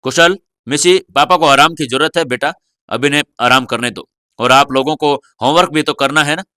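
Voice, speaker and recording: A man's voice: fairly high pitch, normal speed, bright, forceful tone, no room sound, clean studio sound. A man voicing a caring young mother in an audio story, soothing and a little evasive. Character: caring young mother, shy with her husband.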